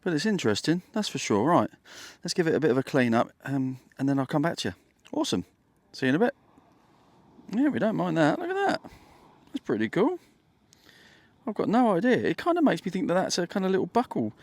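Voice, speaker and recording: Excitable male metal-detecting vlogger outdoors. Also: fairly high pitch, brisk, no room sound. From England. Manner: chatty, excitable, talks to viewers. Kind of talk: casual outdoor vlog narration. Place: muddy field outdoors.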